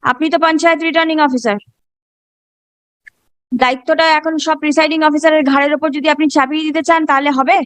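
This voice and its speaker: A woman's voice: sits high, fairly even intonation, quick pace, long pauses, fairly bright tone, dry recording. A woman with a Bengali Indian accent questioning someone as a judge in court, probing and repeating her questions pointedly.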